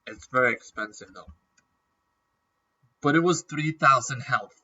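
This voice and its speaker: A man chatting casually through a game as a YouTuber, rambling and clearing his throat often with a nagging cough. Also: mid-range voice, measured pace, sharp tone, distant mic, lo-fi sound. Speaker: gaming YouTuber.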